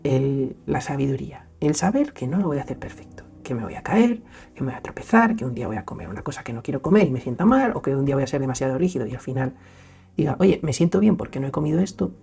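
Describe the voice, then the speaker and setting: A young man with a Spain Spanish accent, hosting a reflective solo talk in an earnest, searching way, often pausing and restarting. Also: mid-range voice, sing-song, creaky, faint music behind. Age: young adult. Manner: earnest, searching, pauses and restarts, swings between loud and hushed. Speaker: host.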